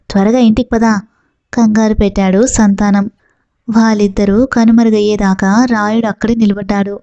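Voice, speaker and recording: A woman's voice: medium pitch, gravelly, warm tone, dry recording, dull audio. A woman narrating a novel as an audiobook reader, telling the story steadily. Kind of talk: novel reading.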